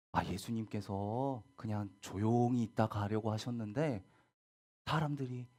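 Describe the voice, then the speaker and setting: A woman telling a Bible story to children in a gentle storytelling manner, with soft whispered asides. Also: rumbling low. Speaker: children's ministry teacher.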